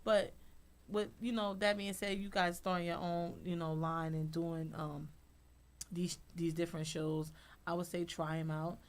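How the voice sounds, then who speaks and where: A woman guest on a talk show, a fashion designer telling stories in a blunt, chatty way and jumping into a high voice to act out what people said. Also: a little slow. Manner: lively storyteller, acts out quotes in a high voice; blunt, chatty, says "honey" often. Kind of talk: casual talk-show interview.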